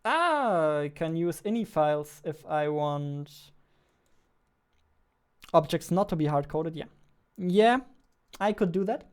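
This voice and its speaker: This man, an indie game developer in his twenties hosting a stream, narrates his coding live in a relaxed way from a desk in a small indoor room, using a close studio mic on a boom arm. His slightly high voice is expressive and smooth, slow-paced with long pauses.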